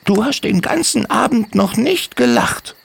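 A man's voice: high-pitched, lively intonation, measured pace, vocal fry, breathy edge, voice pushed up, heavily acted. A man playing a bearded, earnest gnome father. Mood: earnest, firm. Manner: earnest, patiently lecturing, repeats questions. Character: kind, firm father forest gnome with beard.

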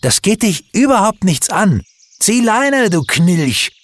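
A man's voice: lowish voice, lively intonation, slow, a little hiss or hum. A man doing a jealous, furious young boy. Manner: snapping, shouting, spiteful.

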